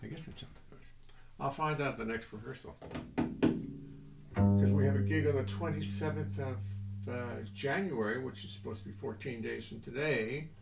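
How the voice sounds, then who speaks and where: An older man from the American South, a bassist and singer, chatting loosely and with self-mockery between folksy songs. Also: normal speed, vocal fry. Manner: rambling, self-mocking, sings folksy tunes. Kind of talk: live-stream chat and song. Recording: roomy sound with loud music behind.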